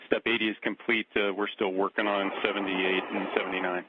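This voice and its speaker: A man working as capsule communicator at mission control, giving measured, clipped checklist calls over a noisy, crackly radio link. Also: sits low, level tone. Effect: noisy, crackly space-to-ground radio link. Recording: hissing, muffled radio transmission.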